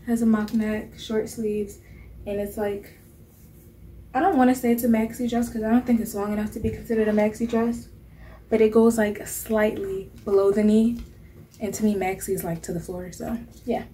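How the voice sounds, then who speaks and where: In her bedroom, a young woman vlogger chats casually about her shopping haul, playful and often laughing. Her mid-range voice is warm and level at a normal speed, picked up close by a camera mic with slight background noise.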